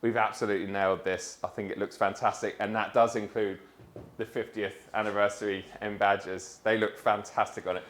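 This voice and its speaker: A man's voice: on the low side, flat delivery, a little fast, fairly bright tone. A man chatting enthusiastically as a vlogger while collecting his new car at a dealership. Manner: enthusiastic, chatty, says "mate". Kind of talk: casual chat.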